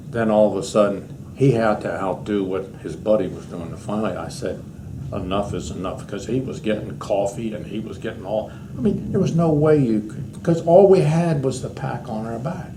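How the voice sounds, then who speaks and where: An American man in his 80s, interviewed as a war veteran, reminisces about his service in a rambling, anecdotal way. He speaks at a normal speed with a fairly low pitch, and the interview recording is noisy with audible room ambience.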